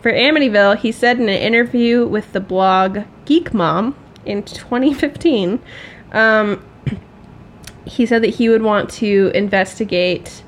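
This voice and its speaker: A woman's voice: medium pitch, unhurried, slight background noise. A woman co-hosting a podcast, chatting casually, laughing often and poking fun at herself. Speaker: podcast co-host.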